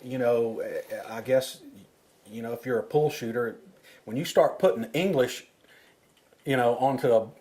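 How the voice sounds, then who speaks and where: A man's voice: medium pitch, a little slow, long pauses, darkish tone. A man working as an instructor, explaining technique informally, step by step and with examples. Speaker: duck-calling instructor.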